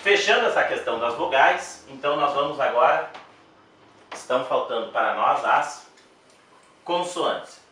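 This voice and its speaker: A man teaching a Portuguese grammar lesson for exam prep, speaking slowly and deliberately, repeating words and checking in with the class. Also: medium pitch, expressive, sharp tone, slight background noise. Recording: very echoey room, voice from a distance.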